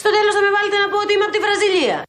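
Fussy exasperated woman, high swooping pitch, rapid listing, echoey radio ad. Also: expressive, a bit bright. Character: fussy woman insisting she is specific about her hometown.

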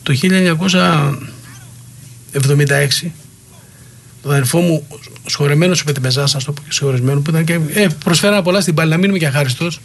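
A middle-aged man with a slightly high voice, recounting old stories as an interview guest. He rambles from one anecdote to the next and gets worked up, acting out what others said. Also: gravelly, slight background noise. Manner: heated, rambling anecdotes with quoted dialogue. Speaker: guest, former wrestler. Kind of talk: interview storytelling.

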